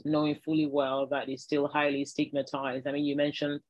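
A woman hosting a podcast who asks questions in a measured, encouraging tone. Her voice is recorded dry and close, with no room echo. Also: sits low, monotone, a little mellow, muffled recording. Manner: measured and encouraging, laughs easily. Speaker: podcast host. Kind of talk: interview questions.

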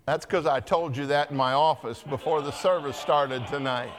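A pastor teaches a Bible lesson in church, quizzing the congregation and calling on people by name in an interactive session. His voice is fairly high and his pace moderate. There's a little hiss or hum in the audio.

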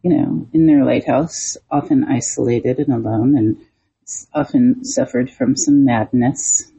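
A woman's voice: a bass voice, steady tone, a little slow, mellow, husky. A middle-aged woman co-hosting a podcast, chatting casually and explaining spooky lore. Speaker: podcast co-host. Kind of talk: casual storytelling chat. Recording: muffled lo-fi podcast audio.

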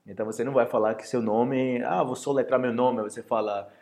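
A Brazilian man with a Brazilian Portuguese accent, teaching language in a casual podcast lesson and acting out lively example phrases. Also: medium pitch, brisk.

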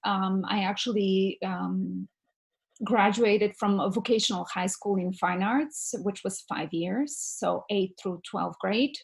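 A woman's voice: mid-range voice, breathy edge. Woman, 40s, Bulgarian accent, non-native speaker, ceramics teacher, thoughtful interview guest. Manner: thoughtful, speaks with some fillers. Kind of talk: podcast interview.

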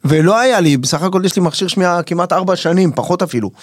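A middle-aged man, a stand-up comedian chatting casually and acting out stage anecdotes in lively quoted voices. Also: no echo, studio quality. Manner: animated storyteller, jumps into high voices for quoted people.

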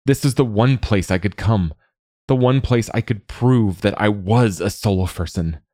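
A man's voice: on the low side, normal speed, a little mellow, no room sound, studio quality, pitched above the performer's own voice, lightly acted. A man voicing a frightened, ashamed young male warrior, speaking in a strained, pleading way. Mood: desperate.

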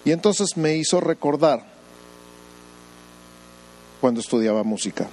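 A man's voice: fairly high pitch, animated, measured pace, darkish tone, slight background noise, rough recording. A man, preaching a sermon as pastor, firing rhetorical questions at the congregation and breaking off into humorous asides. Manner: acts out voices of doubters in quoted asides.

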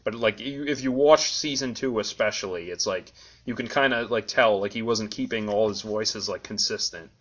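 A man's voice: on the low side, normal speed, fairly bright tone. A man co-hosting a casual, conversational fan discussion. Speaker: podcast co-host. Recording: dull lo-fi audio.

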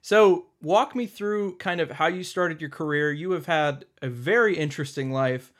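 A man's voice: fairly high pitch, normal speed, fairly bright tone. A man hosting an interview show who asks questions in an upbeat way and laughs easily. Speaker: podcast host.

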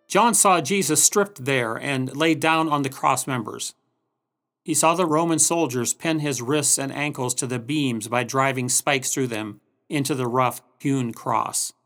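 A Bible teacher with a mid-range, fairly bright voice delivers scripted devotional narration. He tells the biblical story earnestly, adding dramatic emphasis.

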